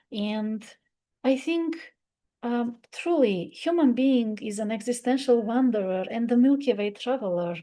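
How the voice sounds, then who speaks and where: Halting, mellow-voiced woman on poetry. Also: on the high side. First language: Armenian. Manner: thoughtful, halting, many fillers and restarts. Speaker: literature commentator. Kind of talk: unscripted talk on a poem.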